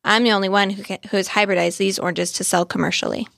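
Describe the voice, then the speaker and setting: A proud, gentle orange grower voiced by a woman narrator who savors each word about his fruit. The voice sits mid-height with a gravelly texture. It is recorded close and dry, like a storybook read at the mic. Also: mid-range voice, steady tone, fast talker, dry recording. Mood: eager, wondering.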